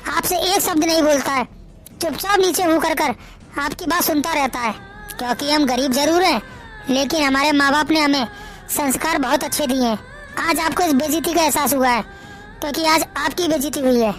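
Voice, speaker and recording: A woman's voice: sits high, fairly bright tone. A woman playing a firm young wife. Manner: earnest, lecturing.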